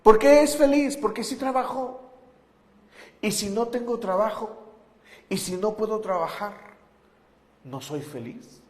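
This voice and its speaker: A man's voice: high voice, measured pace, pauses often. A pastor preaching a conversational sermon, asking his listeners rhetorical questions. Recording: echoey hall with long reverb.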